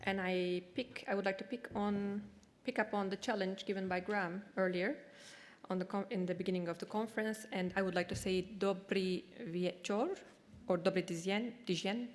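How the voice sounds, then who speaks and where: A woman from Turkey, a native Turkish speaker, giving a formal, polite conference address at a quick clip. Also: mid-range voice, fairly even intonation. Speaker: program manager speaking at a conference.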